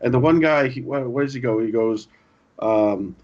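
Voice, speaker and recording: A man co-hosting a gaming podcast, chatting casually and telling stories with lively acted-out lines. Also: medium pitch, fast. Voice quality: animated storyteller, acts out game lines. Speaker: podcast co-host. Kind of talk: casual chat. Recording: dull lo-fi audio.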